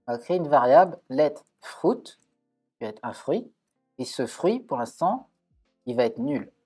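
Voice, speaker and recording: A man's voice: medium pitch, mellow, husky. A man giving a live-coding tutorial at his computer, thinking aloud with frequent hesitations and self-corrections. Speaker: coding streamer.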